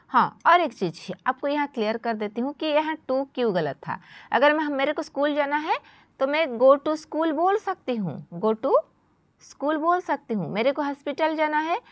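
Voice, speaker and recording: Lively-voiced woman teaching grammar. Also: high voice, no room sound. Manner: addresses students as children, slow stressed English examples. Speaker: English teacher. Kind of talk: grammar lesson.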